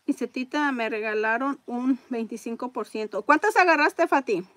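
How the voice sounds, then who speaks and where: A woman hosting a casual live-stream raffle, chatting along and reading viewer comments out loud. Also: a little high, normal speed.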